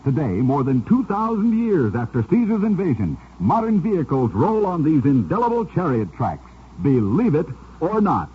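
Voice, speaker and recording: A dull, noisy vintage radio recording carries a man telling curious tales. His voice sits slightly high and swings widely in pitch with dramatic emphasis as he reads like a scripted narrator, stressing each point at a moderate pace.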